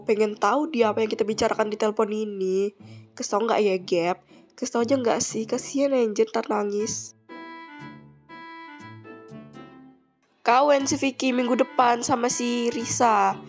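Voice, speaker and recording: A woman's voice: fairly high pitch, normal speed, faint music behind, pitched below the performer's own voice, natural voice. A woman voicing Nes, a blunt, slangy teenage schoolgirl who loves gossip. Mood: smug. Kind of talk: casual role-play drama voices.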